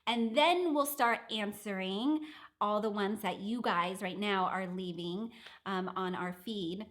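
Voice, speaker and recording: A woman's voice: medium pitch, measured pace. A young woman hosting a live stream from an office, upbeat and laughing often. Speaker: host.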